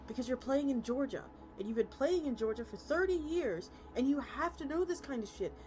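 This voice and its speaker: Against background music, a VTuber with a high, darkish voice and lively intonation speaks at normal speed. She reads a story aloud, acting out dialogue and chatting casually with viewers.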